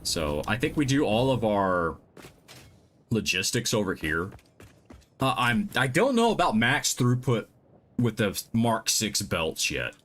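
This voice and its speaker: Low-pitched male streamer, expressive and rambling, casual gameplay talk from home. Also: measured pace. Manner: thinks aloud, muttering to himself while planning. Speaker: live-stream gamer.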